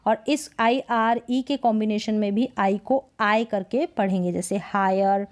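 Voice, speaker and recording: A woman teaching English pronunciation in a spoken lesson, sounding words out slowly syllable by syllable and asking rhetorical questions. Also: medium pitch, steady tone. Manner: slow, drawn-out syllable-by-syllable demonstrations, frequent rhetorical questions.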